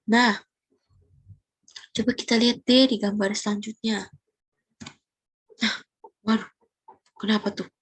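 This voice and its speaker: A young woman Sunday school teacher telling a Bible story to children, animated, asking them questions and sometimes dropping to a whisper. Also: medium pitch, takes it slowly, pauses often, slightly rough, no room sound.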